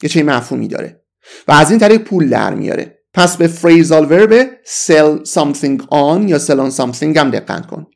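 A man with a Persian accent teaching English vocabulary in a casual, enthusiastic lesson, saying the English phrases slowly. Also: fairly high pitch, sing-song, vocal fry.

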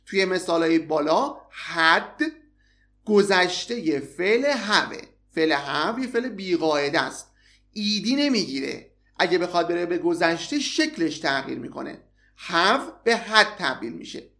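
Lively male English teacher. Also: high-pitched. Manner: animated, explains patiently, repeats English phrases slowly. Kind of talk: recorded language lesson.

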